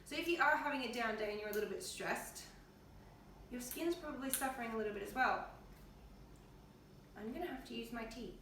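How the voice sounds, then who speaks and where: Speaking fairly quickly but with long pauses, a health vlogger with an Australian accent has a slightly high, slightly bright voice. She chats casually in her home kitchen, tired and in pain, in an offhand, colloquial way. Windows are open, and the distant mic records a very echoey room with faint noise.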